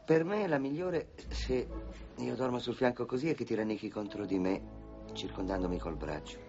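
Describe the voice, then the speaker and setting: A man's voice: medium pitch, moderate pace, close to an everyday voice. An actor dubbing a teasing, wisecracking male ghost hunter. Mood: teasing, gentle. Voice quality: joking, playful, lively. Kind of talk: dubbed film acting. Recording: dull dubbed film audio with music.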